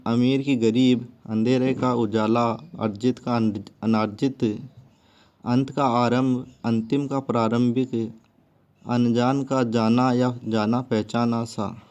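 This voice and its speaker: A man's voice: mid-range voice, a little mellow, smooth. A man teaching a grammar lesson, steadily listing word pairs one after another. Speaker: Hindi teacher. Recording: dull lo-fi recording.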